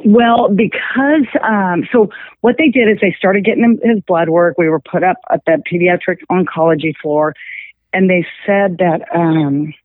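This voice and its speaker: A middle-aged woman on a tinny phone line recounts events in a lively, casual way. She slips into the voices of the people she quotes. The sound is dry and close, with no room around it. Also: on the low side, moderate pace, dry recording. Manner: animated, acts out quoted dialogue. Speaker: guest. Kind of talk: casual storytelling over the phone. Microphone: telephone.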